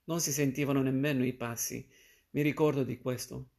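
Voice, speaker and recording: A man reading the lines of a moody, restless woman in a novel, in his own gravelly voice. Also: mid-range voice, steady tone, a little fast, darkish tone, natural voice. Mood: wistful.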